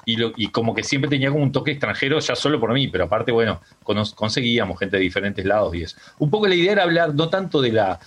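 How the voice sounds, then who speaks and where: On a relaxed radio interview, a middle-aged guest with a Uruguayan accent talks quickly and barely pauses, his mid-range voice full of lively intonation. He rambles and keeps restarting his sentences, heard through a home mic on a remote call.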